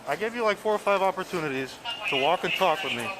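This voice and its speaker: A man's voice: high voice, lively intonation, fast talker, noisy background. A male police officer explaining an arrest in a firm, matter-of-fact way. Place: busy airport.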